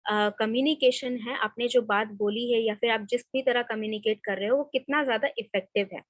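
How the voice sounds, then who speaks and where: Speaking a little fast in a steady, higher-pitched voice, a female college lecturer runs an online class, blending English into her Hindi and often adding "theek hai". She sits at a home or office desk and uses a computer mic with screen sharing, and the recording is dry and lo-fi.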